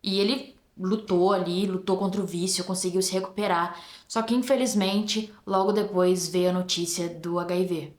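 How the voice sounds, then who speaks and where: A woman's voice: fairly low pitch, fairly even intonation, normal speed. A woman with a Brazilian Portuguese accent hosts a casual book review vlog. She sounds tired and talks in a chatty, informal way, with asides and slang. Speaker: book reviewer and channel host. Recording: roomy echo.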